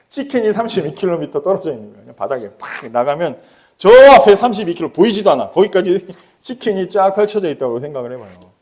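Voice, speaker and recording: Animated high-voiced male pastor. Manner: animated storytelling with chuckles; asks the congregation questions. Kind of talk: sermon.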